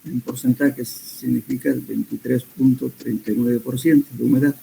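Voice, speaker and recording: Un hombre que da una clase de mecánica de suelos, explicando cálculos paso a paso con muletillas y correcciones. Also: male voice, mid-range voice, normal speed, creaky, slightly rough, poor audio. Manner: steady explanatory teaching with hesitant fillers and self-corrections. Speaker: soil mechanics lecturer. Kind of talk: classroom lecture.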